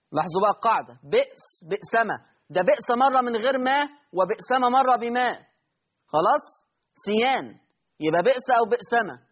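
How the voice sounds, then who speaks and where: A man's voice: high-pitched, dull audio. A man with an Egyptian accent teaching Quran recitation rules, asking and answering his own questions and stretching out the example words. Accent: Egyptian Arabic. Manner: drawn-out demonstrations of recited words. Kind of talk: Quran tajweed lesson.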